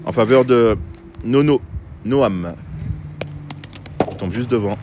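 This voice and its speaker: A man's voice: mid-range voice, slow. A man giving chatty live commentary on a pétanque game outdoors, talking straight to his viewers. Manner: chatty, addresses viewers directly. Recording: faint street noise outdoors.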